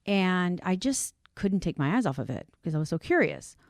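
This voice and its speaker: Slightly fast and lowish, her voice comes through clean with no echo, studio quality. She's an insurance brokerage CEO on a podcast, raised on the US East Coast in a Cuban family and speaking with a Cuban Spanish accent, sharing her story heartfelt and earnest, turning lively when something amuses her.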